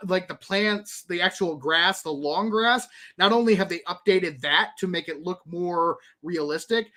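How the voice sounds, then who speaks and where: A man hosting a live stream, reading game patch notes and rambling through them with lots of fillers, restarts and excited asides. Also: sits high. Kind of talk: casual commentary.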